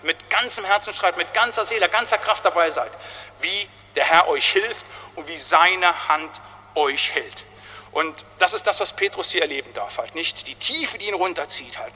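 High, bright-voiced preacher man in a reverberant church. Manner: emphatic, swinging between loud cries and hushed words; tags phrases with "halt, nicht?". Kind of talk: sermon.

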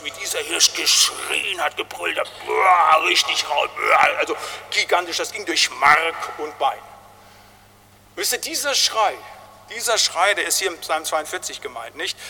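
A man preaching a sermon with great emphasis, moving between loud cries and hushed words and tagging phrases with "halt, nicht?". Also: fairly high pitch, long reverb tail, slight background noise.

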